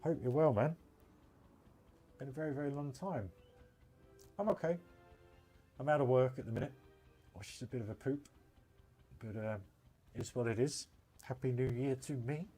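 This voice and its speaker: Over soft background music, a British man streams a game and chats casually, rambling as his thoughts come. His mellow voice sits at medium pitch with a moderate pace and long pauses.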